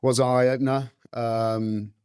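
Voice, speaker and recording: Here the interview guest, a middle-aged butcher and meat specialist with a New Zealand accent, shares relaxed conversational stories. He talks slowly at a medium pitch, level in tone, a little mellow and clean. The studio sound is clean, with no echo.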